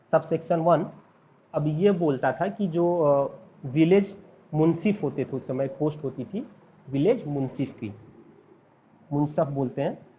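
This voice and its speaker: A man's voice: a little high, a little mellow. A man with an Indian accent teaching law in a recorded lecture. He repeats key terms and spells names out letter by letter. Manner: repeats and spells out terms slowly, asks students to write along. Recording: dull lo-fi with faint hiss.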